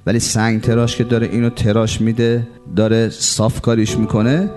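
A man giving a religious sermon, reciting quotations slowly and explaining them with rhetorical questions and long lists. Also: mid-range voice, steady tone, a little mellow, faint music behind. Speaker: preacher.

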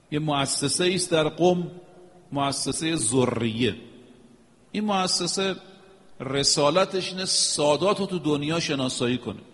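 Male preacher with a slightly raised voice, emphatic and rhythmic, in a long-echo hall. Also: fairly high pitch. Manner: emphatic, rhythmic, chants Arabic phrases. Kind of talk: religious sermon.

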